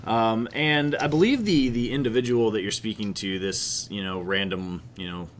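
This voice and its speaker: A man's voice: on the low side, normal speed, slight background noise. A man narrating a tabletop role-playing game as game master, rambling and hesitant with frequent fillers.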